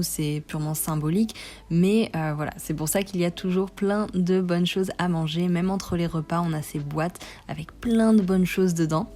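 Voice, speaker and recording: Lower-voiced woman food vlogger. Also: dark tone. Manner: enthusiastic, gushing about food. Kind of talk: casual vlog narration.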